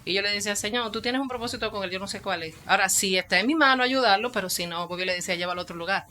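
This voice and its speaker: A woman's voice: medium pitch, rapid-fire, sharp tone. A woman with a Dominican accent, a pastor and psychologist, giving her testimony in an interview and acting out the dialogue she quotes. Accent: Dominican Spanish. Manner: storytelling that acts out quoted dialogue.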